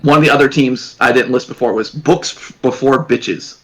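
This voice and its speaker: A man's voice: mid-range voice, low-quality recording. A man narrating as dungeon master, rambling and restarting his sentences. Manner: rambling, halting, many restarts. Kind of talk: narrating a tabletop game.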